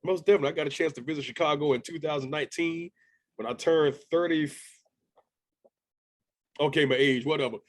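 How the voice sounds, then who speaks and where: A man in his thirties hosts a casual interview over a video call, sounding upbeat, chatty and slangy. His voice is on the high side and a little fast, with long pauses.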